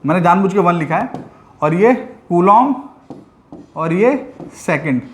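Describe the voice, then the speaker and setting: A male teacher giving a classroom physics lesson. He explains step by step, switches between Hindi and English, and slows right down for definitions, with a teasing, familiar way with his students. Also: high voice, animated, slight background noise. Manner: teasing, addresses students as "my dear children". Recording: echoey room.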